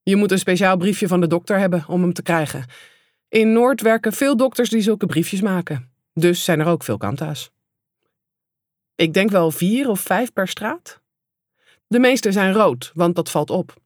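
A woman reading an audiobook aloud in a calm, measured and plain way into a close microphone. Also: lowish voice, dry recording. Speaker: audiobook reader. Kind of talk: audiobook narration.

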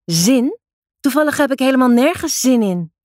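A woman's voice: fairly high pitch, very animated, normal speed, a little mellow, dry recording, studio quality, pitched above the performer's own voice. A woman doing a sulky, snappy teenage girl. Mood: sulky defiant. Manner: snapping, defiant.

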